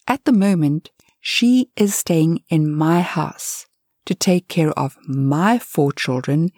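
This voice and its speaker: A woman's voice: lowish voice, a little mellow, dry recording, studio quality. A woman voicing an earnest woman writer who pleads heartfelt with storks in a storybook reading.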